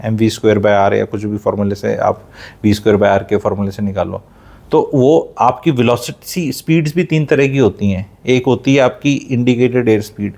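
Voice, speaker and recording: An Indian man speaking as a film reviewer. He mixes Hindi and English in a casual, opinionated way and explains technical flying details like a teacher, often pausing with "uh" and restarting. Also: medium pitch, a little mellow.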